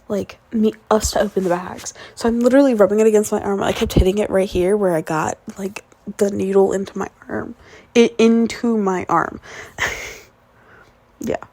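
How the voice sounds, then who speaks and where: A woman's voice: medium pitch, a little mellow, no room sound. A woman in her twenties, raised speaking English and Spanish, rambling sleepily and casually with lots of fillers in a whispered role-play as a fiancée. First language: grew up speaking English and Spanish. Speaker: ASMR performer playing a fiancée.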